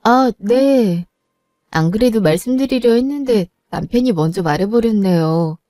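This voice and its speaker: A woman's voice: medium pitch, expressive, a little slow, mellow, dry recording, studio quality. A woman narrating a family drama and speaking as the worried, pleading wife.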